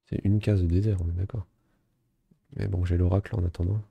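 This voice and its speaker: Deep gravelly man gaming. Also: brisk, dry recording, highs cut off. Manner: relaxed, thinking aloud with many fillers. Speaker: gaming video host. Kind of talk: casual let's play commentary.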